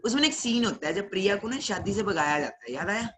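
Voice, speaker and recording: A young man with a Punjabi accent telling an animated motivational story on a webinar and acting out his family's lines. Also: sits high, fast, noisy background. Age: young adult. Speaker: young entrepreneur speaking on a webinar.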